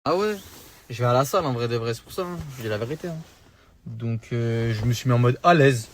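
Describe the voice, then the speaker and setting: A man's voice: mid-range voice, expressive, brisk, slight background noise. A young man talking casually into his vlog, slangy and rambling as he vents. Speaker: vlogger.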